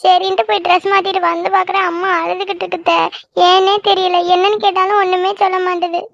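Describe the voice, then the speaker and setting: A woman's voice: very high voice, little pitch movement, quick pace, creaky, fairly bright tone, dry recording, lo-fi sound, exaggerated voice. Woman voicing a tearful worried schoolgirl. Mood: anxious. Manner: anxious, pleading.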